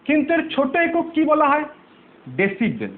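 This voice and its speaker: High-voiced male teacher on tinny audio. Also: huge pitch swings, normal speed. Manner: asks rhetorical questions and answers them himself; repeats key terms, patient step-by-step explaining. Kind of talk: online physics lesson.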